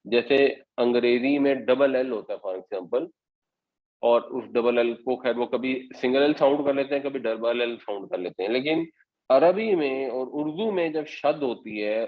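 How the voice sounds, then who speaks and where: A man teaching a scripture commentary class, walking listeners patiently through each point. His voice sits at an everyday middle pitch, and the recording has a slightly dull, lo-fi sound. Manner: patient step-by-step explaining. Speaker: Quran teacher. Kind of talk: Quran commentary lesson.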